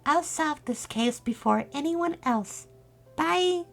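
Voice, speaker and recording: A man's voice: very high-pitched, lively intonation, slow, creaky, fairly bright tone, faint music behind, pitched above the performer's own voice, heavily acted. A man voicing a brash, hasty young girl hedgehog detective in a Valley Girl voice, reading game dialogue aloud. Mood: cocky.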